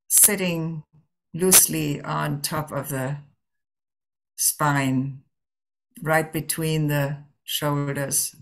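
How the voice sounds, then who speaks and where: Guiding a meditation in the role of a Zen teacher, a woman speaks in a voice that sits low with vocal fry. Her phrasing is gentle, permissive, and halting, broken up by long pauses.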